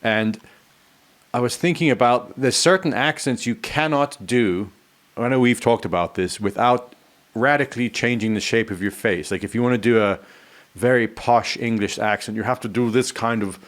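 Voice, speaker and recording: A man's voice: mid-range voice, normal speed. A man co-hosting a casual studio podcast, musing through half-serious questions. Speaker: podcast co-host.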